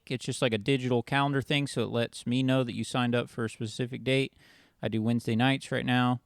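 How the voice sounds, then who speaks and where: A man's voice: medium pitch, clear, resonant tone, dry recording, clean studio sound. A man hosting a podcast in an informal, chummy, conversational way. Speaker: podcast host. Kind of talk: casual chat.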